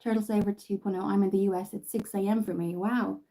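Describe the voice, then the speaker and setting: Chatty Irish woman, mellow voice. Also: mid-range voice, steady tone, fast, poor audio. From Ireland. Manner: chatty, rambling, many fillers and restarts. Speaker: makeup vlogger. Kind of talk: casual livestream makeup tutorial. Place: bedroom at home.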